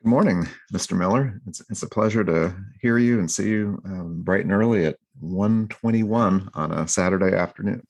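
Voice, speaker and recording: A man's voice: sits low, normal speed, hardly any pauses, a little mellow. A middle-aged man co-hosting a casual podcast, teasing playfully with frequent repeats and ums. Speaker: podcast co-host.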